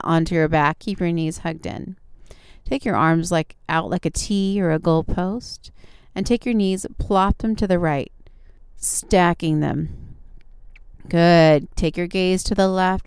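Female yoga teacher, encouraging step-by-step instruction, exceptionally clear tone, close dry sound. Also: lowish voice, a little mellow, no echo. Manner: encouraging, short step-by-step cues. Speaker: yoga instructor and show host. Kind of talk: guided yoga class instruction.

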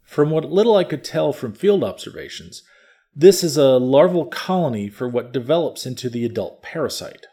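A man's voice: medium pitch, very animated, moderate pace, dark tone, close to an everyday voice. An actor playing a smug male field scientist who explains things in a matter-of-fact, lecturing way. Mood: explaining. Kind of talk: audiobook character reading.

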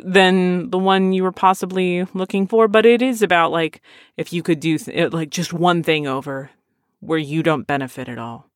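A podcast host in their late thirties answers listener questions in a loose, chatty way. They wander into tangents and poke fun at themselves. The voice sits at a middling pitch and is recorded dry, with no room sound. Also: a bit bright, clear, resonant tone, no room sound. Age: 30s. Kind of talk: casual chat.

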